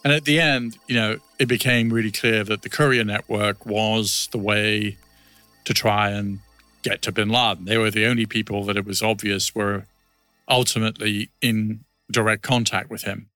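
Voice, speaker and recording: A man's voice: lowish voice, steady tone, moderate pace, bright, forceful tone, no echo, faint music behind. A man speaking as an expert commentator in an unscripted interview, conversational and explanatory.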